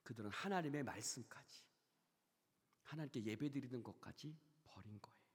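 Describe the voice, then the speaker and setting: Husky-voiced pastor preaching in an echoing hall. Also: male voice, mid-range voice, moderate pace. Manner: swings from hushed near-whispers to loud shouted peaks; asks the congregation questions and has them repeat phrases. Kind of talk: Wednesday service sermon. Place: church sanctuary.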